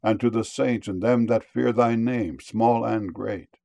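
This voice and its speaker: A man reading verses of scripture aloud in a measured, solemn way. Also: fairly low pitch, steady tone, vocal fry, mellow.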